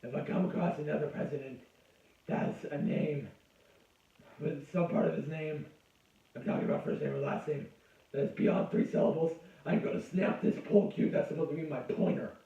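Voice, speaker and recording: A man's voice: on the high side, a little fast, vocal fry, warm tone. A man giving a crude, rambling comic history lecture, cursing and interrupting himself. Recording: echoey, distant, dull lo-fi room sound.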